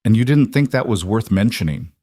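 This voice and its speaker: Guy doing a hurt young bride, sharp and accusing, storybook voice, very dry close sound. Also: fairly low pitch, expressive, brisk, no room sound. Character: young woman, wary bride, hurt and angry.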